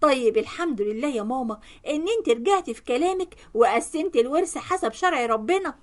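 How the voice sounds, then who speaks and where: A woman's voice: sits high, expressive, brisk, a little mellow. A woman voicing an upright young man who scolds his sister reproachfully. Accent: Egyptian Arabic.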